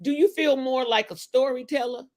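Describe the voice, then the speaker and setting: A woman's voice: sits high, normal speed, darkish tone. A woman hosts a casual interview chat over a video call. She talks in a folksy, rambling way and laughs often. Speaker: host.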